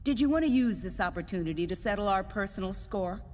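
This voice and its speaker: A woman playing a sharp-tongued, know-it-all schoolgirl in an anime English dub, with a cutting, haughty way of talking. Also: mid-range voice, animated, quick pace, big-room sound, a little hiss or hum, close to an everyday voice.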